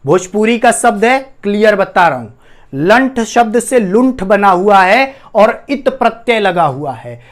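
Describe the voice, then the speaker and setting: The teacher here speaks unhurriedly in a high-pitched, sing-song voice while covering Hindi grammar at a whiteboard. In this classroom-style lesson he addresses students as "bhaiya," questions the class, and repeats the key terms.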